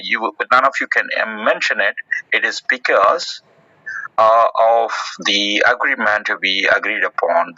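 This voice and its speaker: A man hosting a casual group discussion in an audio chat room, earnest and halting, with many restarts. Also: fairly low pitch, gravelly, sharp tone, dry recording. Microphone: phone in an audio chat app. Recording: muffled dry audio-room recording.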